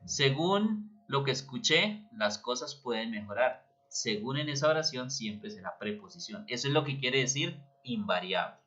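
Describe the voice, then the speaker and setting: A man's voice: medium pitch, lively intonation, normal speed, few pauses, sharp tone. A man teaching a grammar lesson, patiently explaining and often checking that students follow. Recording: dull lo-fi recording.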